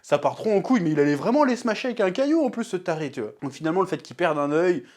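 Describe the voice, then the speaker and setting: This is a casual episode review by a young man who reviews TV series, his voice high and his language loose and full of slang. Animated throughout, he quickly performs voices to recreate what happened on screen.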